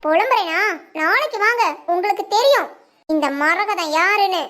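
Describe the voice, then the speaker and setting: A woman plays a hot-tempered village aunt in a comedy cartoon, her voice pitched extremely high. She scolds her nephew one moment and mutters dark schemes to herself the next. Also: lively intonation, normal speed. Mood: scheming mutter.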